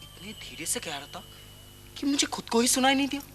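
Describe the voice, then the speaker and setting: A man's voice: very high-pitched, very animated, a little fast, bright, forceful tone, soft background music, full character voice. An actor playing a wisecracking teenage son who teases his father. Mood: teasing. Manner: wisecracking, teasing. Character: cheeky teenage son Husain.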